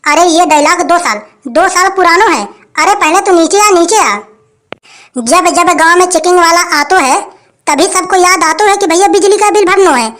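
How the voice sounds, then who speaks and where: A woman's voice: extremely high pitch, moderate pace, fairly bright tone. A woman playing a bossy village electricity inspector who makes threats.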